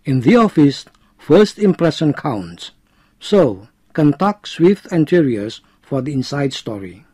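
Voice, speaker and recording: A man's voice: a little high, sing-song, slow, warm tone, husky, dry recording, heavily acted. A man playing an announcer, reading scripted notices like adverts or airport announcements. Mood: promotional.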